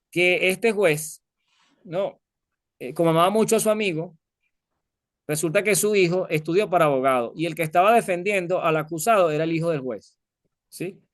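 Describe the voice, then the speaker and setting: A man's voice: on the high side, dry recording, clean studio sound. A man preaching a conversational sermon, telling an illustration and asking his listeners many rhetorical questions.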